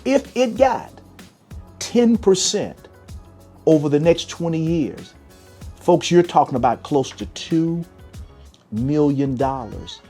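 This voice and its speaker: A man's voice: on the high side, warm tone, breathy edge. A man hosting a motivational money talk to camera as a cash flow strategist, emphatic and coaxing as he addresses his viewers. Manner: emphatic and coaxing, often urging "come on".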